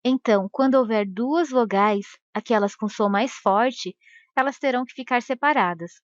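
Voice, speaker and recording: A woman teaching a grammar lesson, speaking slowly and carefully and stretching out the sample words. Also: fairly high pitch, no room sound. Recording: dry, dull lo-fi voice-over.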